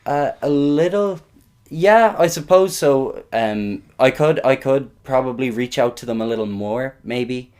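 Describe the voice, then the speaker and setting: A young man from Galway with a west of Ireland accent, an exchange student appearing as a podcast guest, chats casually and a little hesitantly. His medium-pitched voice is unhurried, clear and resonant, with a slightly mellow tone.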